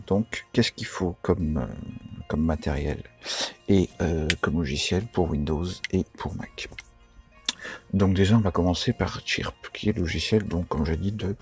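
A man's voice: deep voice, gravelly, a little mellow. A man giving a casual, informal how-to tutorial, chatty and full of fillers and self-corrections. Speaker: radio tutorial maker.

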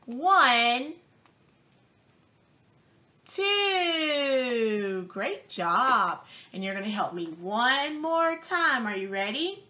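A woman with a bright, highly animated voice teaches a child to count at a very slow, deliberate pace. She is encouraging, like a preschool teacher, with questions and praise. There is some faint background noise.

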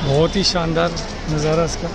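Casual travel vlogger, male, high voice, street crowd and traffic loud around the camera mic. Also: flat delivery, normal speed, over loud music. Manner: chatty, addresses viewers as friends. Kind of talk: casual walking vlog narration. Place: busy outdoor street market. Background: crowd chatter and traffic.

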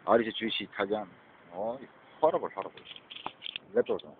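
A man's voice: on the low side, lively intonation, normal speed. A man talking to his viewers in a rambling monologue, mixing English words in and often tossing out a questioning "eh?". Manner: rambling, mixes English words into Korean, keeps asking "eh?". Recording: tinny phone-like audio with faint noise.

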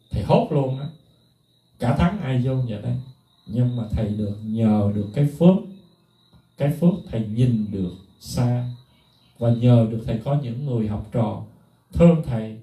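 A middle-aged man, a music teacher, talking casually to viewers in an animated, emphatic way. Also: mid-range voice, distant mic. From Vietnam. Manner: animated, emphatic, mimics others in a raised voice. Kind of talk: casual spoken talk to viewers. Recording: echoey room, voice from off the mic.

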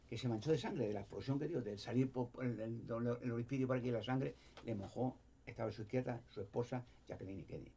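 A man's voice: mid-range voice, darkish tone, breathy edge, highs cut off. A man giving a rambling, casual monologue, repeating words and acting out quotes in a raised voice. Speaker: video commentator.

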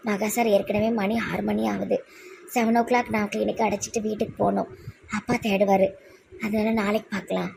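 A woman's voice: mid-range voice, little pitch movement, brisk, vocal fry, a little mellow, slight background noise. A woman playing a tender-hearted young clinic doctor in a comedy skit, with a Tirunelveli Tamil accent and a tearful, exclaiming manner. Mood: scolding. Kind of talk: amateur comedy skit acting.

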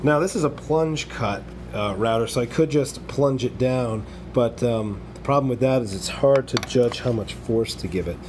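A man's voice: mid-range voice, moderate pace, hardly any pauses, darkish tone. A man hosting a DIY video, casually explaining as he works with tools in his garage workshop, talking half to himself. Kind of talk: casual workshop how-to narration. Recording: noisy workshop recording.

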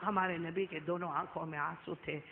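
A man giving a storytelling sermon, impassioned, swinging to loud shouts and prompting the crowd. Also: a little high, fairly even intonation, gravelly, a little hiss or hum. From Valsad, Gujarat, India. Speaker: preacher. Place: community hall. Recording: tinny phone-like sound, echoey hall.

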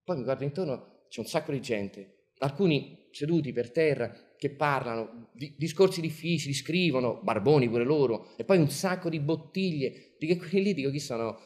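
A man telling a comic theatrical monologue in a deadpan way, filled with repeated "I say" lines. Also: mid-range voice. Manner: rapid, repetitive "I say" storytelling, deadpan. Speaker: storyteller.

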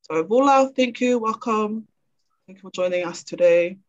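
Halting young New woman. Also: mid-range voice, highs cut off. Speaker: research librarian introducing a guest. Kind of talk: semi-formal introduction read from notes. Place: indoors on a video call.

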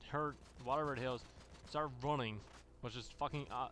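A man of medium pitch and fairly even intonation tells a drawn-out story at a moderate pace while gaming, loose and profane, restarting and filling pauses often. He's a gaming channel host, and gunfire from the game plus background noise carry underneath.

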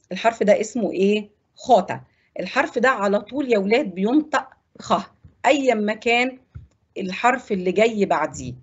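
Egyptian woman, Spanish teacher on TV, husky voice, patient step-by-step drilling, dull lo-fi audio. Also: mid-range voice. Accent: Egyptian Arabic. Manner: explains step by step, repeats words slowly for pronunciation. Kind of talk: televised classroom lesson.

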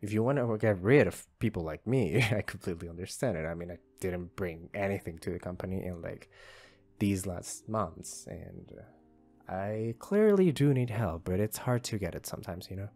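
A young adult voice actor with a deep voice and lively intonation plays a shy, apologetic employee with a crush in an intimate, one-sided ASMR roleplay. He speaks softly and hesitantly, halting in an earnest, shy way, as soft guitar music plays behind him.

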